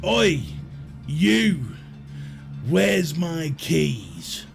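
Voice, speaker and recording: A man voicing a gruff, cantankerous old woman in a wheelchair who snaps at a stranger. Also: fairly high pitch, very animated, very slow, soft background music, full character voice. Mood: barking. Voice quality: gruff, rude.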